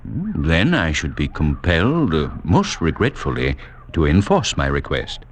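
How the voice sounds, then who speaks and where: Deep, suave, sinister doctor villain. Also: male voice, huge pitch swings, a little slow, exaggerated voice. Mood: politely menacing. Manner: over-polite, formal, menacing. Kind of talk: 1940s radio drama acting. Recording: noisy 1940s radio recording.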